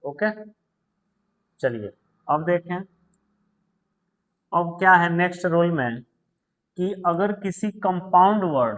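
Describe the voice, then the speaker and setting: A man teaching English grammar in a patient lesson, repeating words, spelling them out and telling students to pause and take notes. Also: high-pitched, poor audio. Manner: tells students to pause the video and write notes. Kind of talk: slow explanatory grammar lesson.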